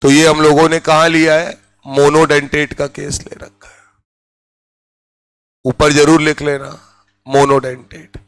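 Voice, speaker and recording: Hindi-accented guy teaching a chem class, super slow, keeps asking if it's clear, dry close sound. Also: a little high, little pitch movement, dry recording, poor audio. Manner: drills students with repeated questions. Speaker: chemistry teacher. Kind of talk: classroom lecture.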